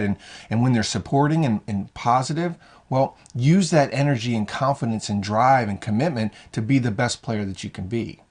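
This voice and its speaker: A man with a slightly husky, breathy voice coaches young hockey players on confidence in a relaxed motivational vlog. He speaks in a conversational, encouraging way, dropping in "you know" and restarting phrases as he goes. His pitch sits in an ordinary middle range. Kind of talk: motivational talk to camera.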